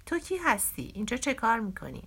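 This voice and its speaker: A woman voicing a short, stocky Peruvian man who guards a riverside warehouse, speaking in a threatening, gruff way. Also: fairly high pitch, huge pitch swings, bright, forceful tone, heavily acted. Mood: hostile.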